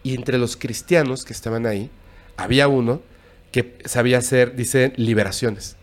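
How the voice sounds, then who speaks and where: Un hombre con acento mexicano narra con calma una historia de terror en una charla informal, con pausas y tono bajo. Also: male voice, mid-range voice. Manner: recounting a scary story, hushed and halting. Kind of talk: casual storytelling.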